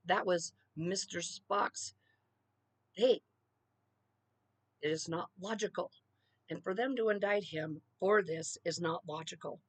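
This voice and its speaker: A woman's voice: on the low side, no echo. Woman ranting emphatically, dry close sound. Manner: emphatic, peppered with "okay?" and "you know". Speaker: political commentator. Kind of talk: opinionated solo rant.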